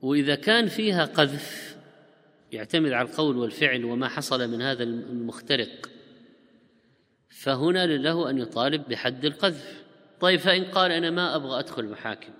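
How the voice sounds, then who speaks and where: A man's voice: medium pitch, a bit bright, long reverb tail. Man giving a religious Q&A lecture. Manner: reads listeners' questions fast, then explains at length. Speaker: religious scholar answering questions.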